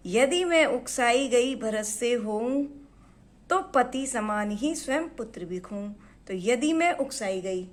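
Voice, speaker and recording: A woman teaching Hindi poetry on her own channel. She explains the verses line by line, glosses words, repeats herself, and reads the verse lines louder. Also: mid-range voice.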